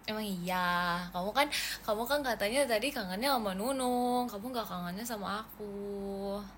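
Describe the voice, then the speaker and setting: A woman's voice: mid-range voice, normal speed, fairly bright tone, a little hiss or hum. A young woman from Indonesia hosting a casual livestream chat with her viewers, playful and pouty, mixing in English phrases. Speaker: idol livestream host.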